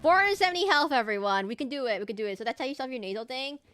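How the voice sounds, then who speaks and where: Streaming a video game live, a woman rambles in casual, self-deprecating chat with music behind her. Her slightly nasal voice is high-pitched, expressive, rapid-fire, and a bit bright, with a clean tone.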